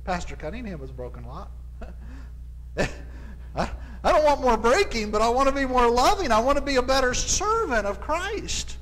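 A man preaching a sermon as pastor, halting and restarting often, repeating his words, into a clip-on mic. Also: very high voice, sing-song, fairly bright tone, in a large hall, poor audio. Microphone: clip-on microphone.

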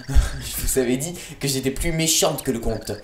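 A man's voice: medium pitch, normal speed, crowd noise, lightly acted. A man voicing a taunting female villain who mocks the heroes in a sneering way. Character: mocking female villain, shape-shifting trickster. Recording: echoey room with faint game music.

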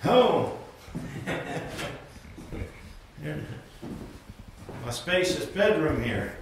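Slightly high and very animated, with vocal fry and slight background noise, this middle-aged Maine man films an unfinished cabin tour on his phone at arm's length. He muses unhurriedly, letting sentences trail off, as he goes from autumn woods into the wooden cabin.

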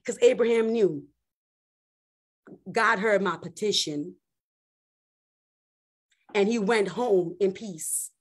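A woman preaching a sermon, reading scripture aloud and speaking straight to her listeners in an animated way. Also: mid-range voice, slow, long pauses. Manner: animated, exclaims and addresses listeners directly.

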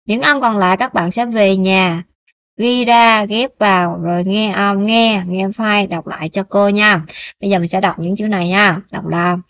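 A woman's voice: mid-range voice, steady tone, moderate pace, a bit bright, dry recording. A Vietnamese woman teaching a beginner Korean lesson, patiently repeating each syllable for students to copy.

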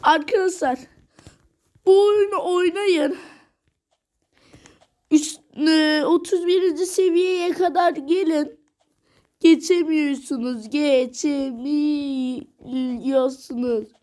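A woman records casual commentary over her own gameplay. Her voice sits high and her delivery is slow and drawn out. She sounds worn down and exasperated, and she keeps repeating the same words. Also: darkish tone. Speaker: gaming vlogger.

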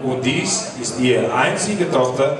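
A male sale announcer speaks slowly, phrase by phrase. The sound is distant and very echoey, with a clear crowd in the hall. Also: medium pitch, animated. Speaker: sale announcer presenting cattle. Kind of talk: live sale presentation of animals. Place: large indoor auction hall, recorded from audience.

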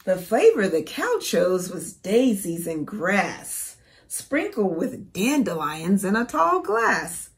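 Slow, animated woman reading to preschoolers. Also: mid-range voice. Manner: expressive, careful, asks the listener questions. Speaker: preschool teacher reading aloud. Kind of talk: children's storybook read-aloud with teaching asides.

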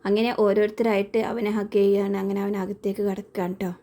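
A woman retelling a TV serial episode in a quick, even casual manner. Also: mid-range voice. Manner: quick even retelling, tag particle "ട്ടോ". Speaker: serial review narrator.

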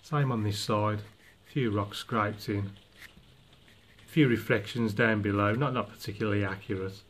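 Fairly low in pitch and fairly bright in tone, this man's voice keeps a fairly even intonation at normal speed. He teaches watercolour casually at an easel in an indoor studio, restarting many times as he thinks aloud, in an echoey room with clear background noise.

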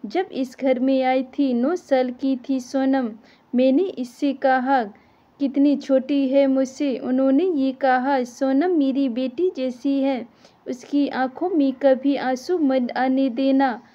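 A woman's voice: sits high, fairly even intonation, slow pace, mellow, highs cut off. A woman voicing a patient daughter-in-law who speaks firmly and reasons things out. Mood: reproachful. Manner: firm, reasoning.

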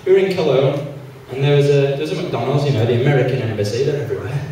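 Young stand-up, echoey hall. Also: male voice, medium pitch, very fast, recorded from a distance, a little hiss or hum. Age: young adult. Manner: animated, acts out quoted characters. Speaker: stand-up comedian. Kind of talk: stand-up routine. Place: small theatre stage. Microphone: handheld mic, far camera.

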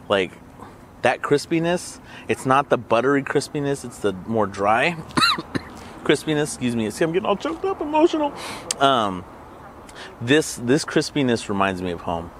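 A man's voice: mid-range voice, a bit bright, a little hiss or hum. A man hosting a casual food review vlog, rambling and joking as he eats. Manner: rambling, joking asides while eating. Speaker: burrito reviewer and channel host.

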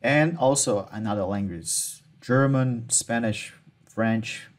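A marketing tutorial host from Brazil, a native Portuguese speaker, leads a screen-share walkthrough of software features. His voice is medium in pitch and slow, and his casual delivery includes repeated words, restarted phrases, and non-native phrasing.

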